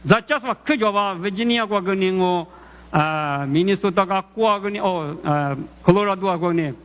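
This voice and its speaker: A man preaching a sermon, talking haltingly, repeating words and putting questions to the listeners. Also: sits high, a bit bright. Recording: muffled audio with long hall echo.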